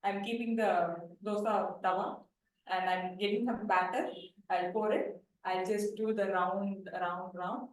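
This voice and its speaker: A woman, a volunteer narrating her actions step by step with small pauses. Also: mid-range voice, steady tone. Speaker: volunteer participant. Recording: echoey hall, far from mic, faint noise.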